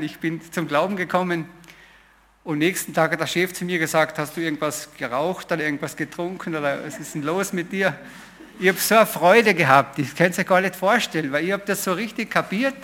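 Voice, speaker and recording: A man's voice: on the high side, a bit bright. A middle-aged man preaching a sermon, telling his own story informally, with hesitations and repeated phrases. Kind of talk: personal testimony sermon.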